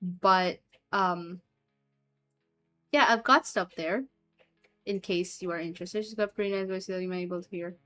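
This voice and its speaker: Her voice is on the low side, pushed and bright, at normal speed with frequent pauses, and soft music plays behind her. This streamer and hobby voice actor chats casually with her audience, reading messages aloud, giggling often, and letting sentences trail off into fillers.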